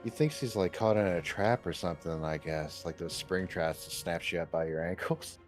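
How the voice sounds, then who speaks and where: A man narrating as game master of a tabletop game, amused and lively. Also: sits low, normal speed, faint music behind.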